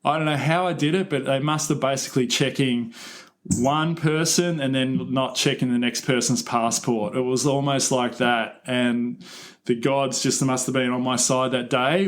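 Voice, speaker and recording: A man's voice: medium pitch, normal speed. An Australian man, a podcast co-host, telling a travel story in casual chat, swearing freely.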